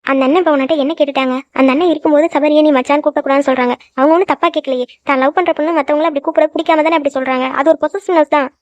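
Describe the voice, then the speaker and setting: A woman's voice: high voice, fairly even intonation, racing, few pauses, no echo, lightly acted. A woman voicing a hot-tempered young woman in a cartoon who lectures her friends at length. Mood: scolding. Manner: scolding, lecturing, then frightened. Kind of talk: cartoon voice acting. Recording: dull lo-fi dry recording.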